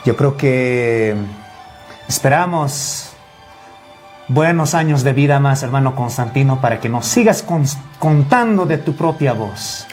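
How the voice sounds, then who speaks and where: A man's voice: medium pitch, lively intonation, unhurried, a little mellow. Bolivian guy hosting, polite formal thanks to his guest, faint music in the back. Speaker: program host. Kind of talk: closing an interview.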